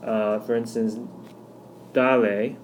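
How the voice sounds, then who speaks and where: A man teaching a recorded grammar lesson, walking through slide examples patiently and slowing down to spell out each one. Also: on the low side, level tone, slight background noise. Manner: patient, explanatory, slows down on examples. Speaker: Spanish teacher.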